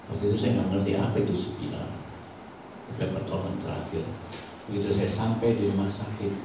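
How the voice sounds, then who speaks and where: A man from Indonesia giving a personal testimony in church, telling his story in a conversational way and dropping in English phrases. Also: lowish voice. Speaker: lay speaker giving a testimony. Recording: very echoey church from a distant mic, with background noise.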